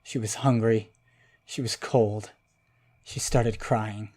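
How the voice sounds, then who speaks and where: A man narrating a children's storybook in a calm, even voice. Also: lowish voice, slow pace.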